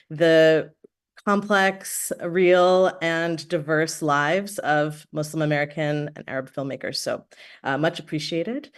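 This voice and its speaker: A woman moderating a panel discussion, thanking organizers and introducing panelists with frequent fillers. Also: deep voice.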